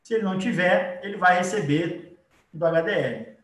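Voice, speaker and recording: Here a man with a Brazilian accent, a biology teacher, lectures informally while drawing, his high-pitched voice moving at a moderate pace. He explains as he goes and frequently checks in with brief tag questions. The sound is distant and echoey.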